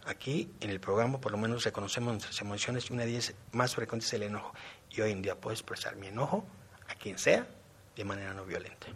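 Husky middle-aged man. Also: on the low side, fast talker. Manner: reflective, explains with everyday examples. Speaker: participant in a men's non-violence program. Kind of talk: personal testimony.

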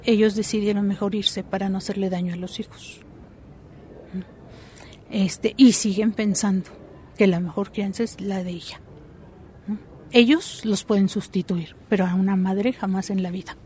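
A woman speaks in a mellow, warm voice, talking through her points patiently and often ending with a quick "¿sí?" or "¿no?". Faint noise sits under the recording. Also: mid-range voice. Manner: reflective, explanatory, tag questions. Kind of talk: interview answers.

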